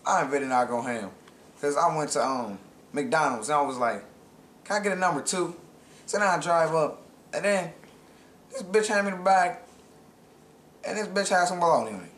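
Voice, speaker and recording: A man's voice: fairly high pitch, normal speed, pauses often, a bit bright, echoey room, slight background noise. A man joking around in a rambling comic skit, brash and profane, repeating catchphrases. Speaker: comic co-host.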